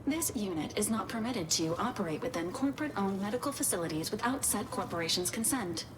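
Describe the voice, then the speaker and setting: A woman's voice: mid-range voice, lively intonation, a little fast, lightly acted. A woman voicing a clinical, legalistic medical robot in a video game. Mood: formal, detached. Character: formal, literal female medical robot assistant. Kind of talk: scripted video game dialogue. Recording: clear background ambience noise.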